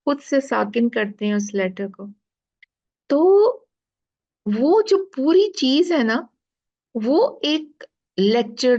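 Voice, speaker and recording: A woman teaching Quran recitation rules, explaining slowly step by step and often checking in with her listeners. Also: sits high, vocal fry, a little mellow, lo-fi sound. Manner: slow, explaining step by step with frequent "theek hai". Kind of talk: tajweed lesson.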